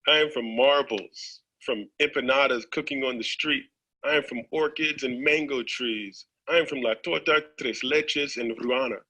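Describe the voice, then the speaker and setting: Breathy bright-toned man on the radio. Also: medium pitch, moderate pace, rough recording. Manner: enthusiastic, jokey. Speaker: radio poetry contributor. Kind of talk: radio chat and poem reading.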